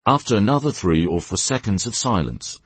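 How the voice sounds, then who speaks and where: A man reading a novel aloud in steady, descriptive narration. His voice sits fairly low and sounds husky, and his pitch rises and falls a lot. The recording is dry and close, with no room sound. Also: fairly quick, no room sound. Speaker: audiobook narrator.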